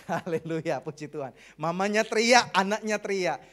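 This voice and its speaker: A middle-aged man with an Indonesian accent preaches a sermon as a pastor. His voice sits a little high, and his delivery is lively and conversational, mixing jokes and English phrases into the preaching. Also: moderate pace.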